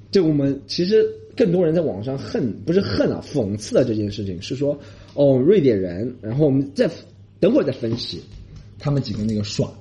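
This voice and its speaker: A man from Shanghai rambles through a story in a casual podcast monologue, indignant and animated. He talks fast with a lively swinging pitch and a dark, mellow tone. The recording sounds dull and lo-fi. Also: slight background noise. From Shanghai, China. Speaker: podcast host.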